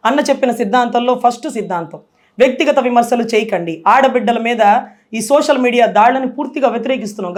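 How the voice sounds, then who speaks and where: A woman giving an impassioned, forceful political interview as a guest, speaking with strong emotion. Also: fairly high pitch. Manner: impassioned, forceful, tearful at times.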